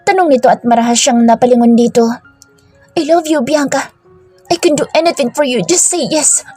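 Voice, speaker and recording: A woman voicing an earnest young man who softly pleads his love in a storybook romance reading. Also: sits high, moderate pace, husky, no room sound, faint music behind. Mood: pleading. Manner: soft, pleading, mixing Tagalog and English.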